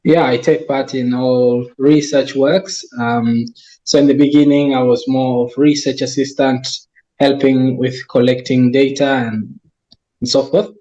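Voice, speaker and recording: A young man from Tanzania talks about his wildlife research in an unhurried, careful way. He often restarts his sentences as he gathers his thoughts. The recording sounds a little muffled. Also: medium pitch, warm tone. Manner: slow and thoughtful, with frequent restarts. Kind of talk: conversational interview.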